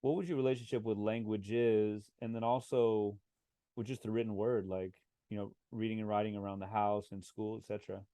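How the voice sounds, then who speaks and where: A man's voice: lowish voice, level tone, brisk, warm tone, no room sound. A man hosting a podcast, introducing his guest with chatty self-corrections and joking asides. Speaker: podcast host. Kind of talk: casual interview.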